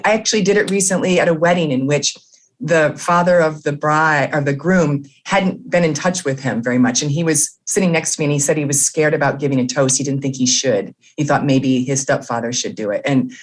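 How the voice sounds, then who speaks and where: A woman, a leadership author and coach, explaining her ideas earnestly and warmly as an interview guest. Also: deep voice, brisk.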